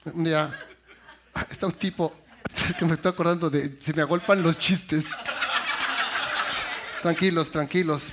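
A comedian performing stand-up on a stage, his voice sitting high for a man. He tells jokes in a lively, animated way and acts out each character's lines. A faint noise hangs behind him. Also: unhurried, long pauses. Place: stage before a laughing audience.

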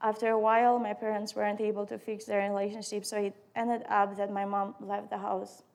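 A woman's voice: mid-range voice, little pitch movement, a little fast, gravelly, darkish tone. A woman in her early twenties with an Albanian accent, a non-native English speaker reading her personal testimony aloud. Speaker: student sharing testimony.

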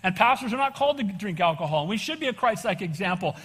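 A man's voice: high-pitched, expressive, fast, fairly bright tone, breathy edge. An older American man preaching an evangelical sermon as a pastor, exhorting his congregation with conversational asides and frequent calls for amens. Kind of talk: evangelical sermon, expository Bible teaching. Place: large church room, preaching to congregation. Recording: echoey hall with long reverb.

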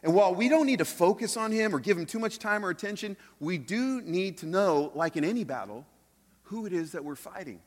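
A male pastor preaches in a conversational style, with a fairly high voice for a man. He leans on rhetorical questions and repetition to make his points. His words ring out with the long reverb of a big hall. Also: animated, a little fast. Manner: rhetorical questions, repeats phrases for emphasis. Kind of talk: conversational church sermon to a congregation. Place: large church hall, speaking live.

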